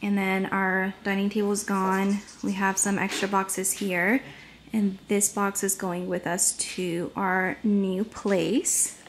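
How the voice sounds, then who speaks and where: A woman's voice: mid-range voice, little pitch movement, slow pace, noisy background. A young woman talking casually to her camera in a vlog, chatty and rambling with fillers, at home and in her car. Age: young adult. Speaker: vlogger. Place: home kitchen, then inside a parked car.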